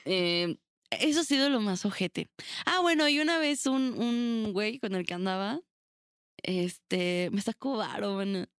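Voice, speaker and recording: A young Mexican woman chatting on a podcast, her stories blunt, lively and full of swearing. Her voice sits at a middle pitch, recorded dry and close. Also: unhurried, clean tone, dry recording. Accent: Mexican Spanish. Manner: blunt, swears freely, animated storytelling. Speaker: podcast co-host. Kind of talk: casual chat.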